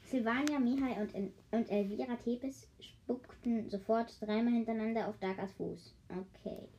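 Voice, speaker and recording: A woman with a warm, steady voice reads a children's story at a moderate pace, stopping now and then to joke with her listeners and correcting herself when she stumbles over words. The characters' short cries get a higher voice. The audio is dull, with a little hiss or hum.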